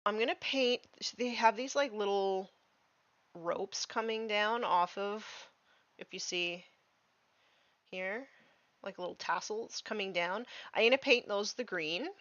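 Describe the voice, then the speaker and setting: Woman streamer, thirties, unhurried hobby chat, dry slightly muffled mic. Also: medium pitch, dry recording. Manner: relaxed and chatty, many fillers, baby-talks to her dog. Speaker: streamer painting miniatures. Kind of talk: casual live-stream chat while painting.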